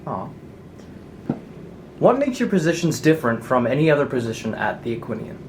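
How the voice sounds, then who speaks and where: A man's voice: mid-range voice, big pitch swings, brisk, background noise. A young man hosting a student interview, reading his questions in an upbeat, scripted way. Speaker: host, video producer.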